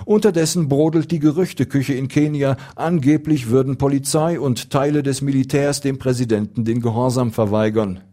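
A man delivering a serious, measured radio news report as a foreign correspondent. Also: medium pitch, fairly even intonation, mellow.

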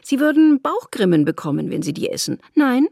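A woman reading aloud voices a lively, bossy young woman with a creaky, husky voice. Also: sits high, brisk, no echo, clean studio sound, voice pushed up, exaggerated voice. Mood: cheerful.

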